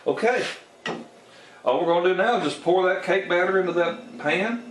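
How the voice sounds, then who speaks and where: Sitting high in pitch and speaking at normal speed, an older home-baking vlogger casually walks through making a cake in his kitchen, savoring it with hums in a homespun, folksy way. Slight background noise and faint room ambience come through.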